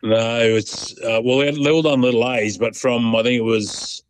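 Calling in for a relaxed interview, an Australian man in middle age rambles colloquially about being a proud sporting dad. His voice sits at medium pitch with fairly even intonation and a moderate pace. A little hiss or hum runs under the recording.

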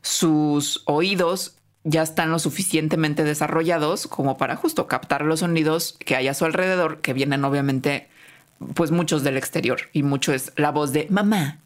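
A woman's voice: low voice, moderate pace. A woman co-hosting a casual science podcast, chatty and explanatory. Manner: chatty, explanatory, laughs often. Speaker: podcast co-host.

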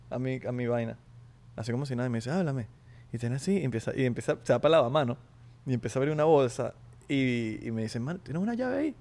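Animated Venezuelan man, fast and lively. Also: medium pitch. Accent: Venezuelan Spanish. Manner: animated, joking, slangy storytelling. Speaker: podcast co-host. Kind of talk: casual chat. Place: Miami.

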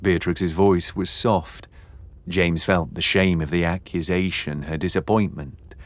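A male audiobook narrator with a low voice who reads at a slow, measured pace. His delivery is dramatic and steady, recorded dry and close with no room sound. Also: no echo. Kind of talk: scripted narration.

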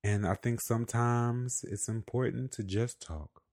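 A man's voice: mid-range voice, fairly even intonation, measured pace, darkish tone, dry recording, clean studio sound. A man co-hosting a podcast, talking in an earnest, reflective way with casual fillers. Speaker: podcast co-host.

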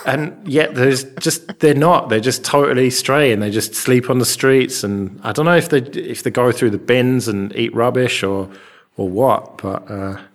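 An English man chatting casually and rambling a bit, recorded with a big hall echo in a large, open flat with a concrete floor. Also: medium pitch, a little slow. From England. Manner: rambling and chatty, with many fillers. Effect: big hall echo from an enormous, bare room. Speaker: podcast co-host. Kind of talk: casual chat.

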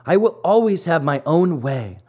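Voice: medium pitch, sing-song, moderate pace, a little mellow, slightly rough. A reader voicing Pinocchio, a remorseful runaway wooden puppet boy, in a storybook reading, pleading in a raised boyish voice.

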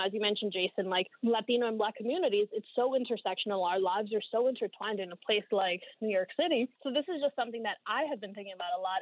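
A woman in her thirties from the Dominican Republic, a guest writer giving measured, thoughtful interview answers with frequent ums. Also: mid-range voice, slightly rough, dry recording. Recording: tinny phone line.

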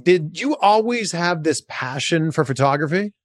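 A man from Canada hosts a podcast interview in an upbeat, chatty way. His voice sits a little high for a man and swings widely in pitch. The sound is close and dry, with no room echo. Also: normal speed. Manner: upbeat, animated. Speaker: podcast host. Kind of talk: casual interview.

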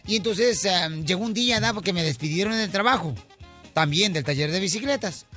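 Mexican male radio host, rowdy joke-teller, bright edge to the voice. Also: high voice, animated, a little fast, faint music behind. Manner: boisterous, teasing, laughs through his jokes. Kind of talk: joke-telling radio banter.

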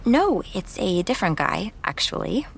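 A woman's voice: mid-range voice, very animated, normal speed, gravelly, slight background noise. An actress voicing a young American woman on a work trip, narrating her own story in the first person with a wry, self-deprecating manner. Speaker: narrator and lead.

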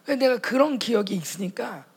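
A woman's voice: on the high side, fairly quick, breathy edge. A middle-aged woman, a pastor's wife, preaching at a women's gathering and acting out her own prayers and conversations. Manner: animated, acts out her own prayers and dialogues.

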